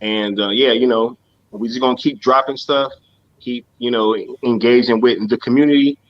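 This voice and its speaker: A man's voice: mid-range voice, steady tone, moderate pace, no room sound. A man hosting a casual live stream chat, talking in a laid-back, slangy way full of fillers. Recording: dull lo-fi stream audio.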